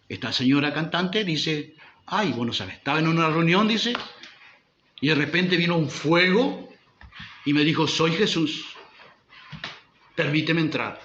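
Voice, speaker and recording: Emphatic preaching pastor, bright voice. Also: male voice, fairly high pitch, reverberant, lo-fi sound, a little hiss or hum. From Uruguay. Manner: emphatic preaching with rhetorical questions. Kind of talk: sermon.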